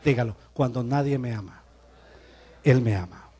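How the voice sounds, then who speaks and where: A man's voice: mid-range voice, normal speed, mellow, husky. A man preaching a sermon as pastor, exhorting his congregation and leading them in repeated call-and-response declarations. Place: church service.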